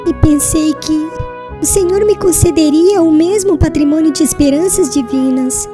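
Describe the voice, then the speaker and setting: In a dramatised audiobook, a woman voices a gentle, devout, frail young bride, speaking tenderly and humbly in solemn literary phrases. Her voice sits high, and the mood is wistful and tender.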